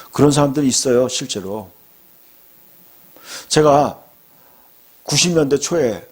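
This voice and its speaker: A man's voice: mid-range voice, a little mellow, slightly rough. A middle-aged male pastor preaching a fervent sermon, often calling out to his congregation.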